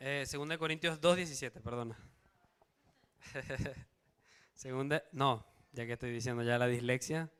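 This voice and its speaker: A man preaches a Bible study sermon to his congregation in a medium-pitched, fairly bright voice that sounds clear and resonant. He moves at a moderate pace and pauses often. He reads out verses, asks the congregation questions and checks in with them.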